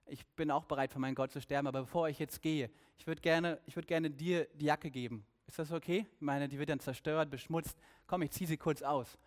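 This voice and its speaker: A man voicing a young male missionary who speaks softly and in a halting, gentle way. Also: fairly high pitch, fairly even intonation, in a large hall, natural voice. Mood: calm.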